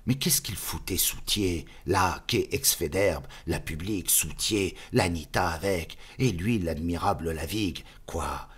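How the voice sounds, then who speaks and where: A man giving an expressive, dramatic audiobook reading of a novel. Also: low voice, slightly rough. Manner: expressive, spoken cadence. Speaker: audiobook reader.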